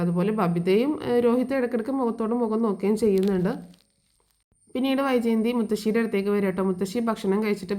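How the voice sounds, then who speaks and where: A woman's voice: medium pitch, a little mellow. A woman casually retelling a TV serial episode. She reads each character's lines in her own voice and keeps adding chatty "you know" asides. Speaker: serial recap narrator.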